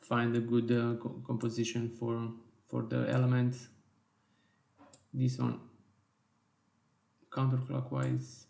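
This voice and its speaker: A man teaching a software design tutorial in slow, step-by-step instructions with small self-corrections, his voice worn and going hoarse. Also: medium pitch, completely flat delivery, roomy sound. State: losing his voice. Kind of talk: screen-recorded software tutorial.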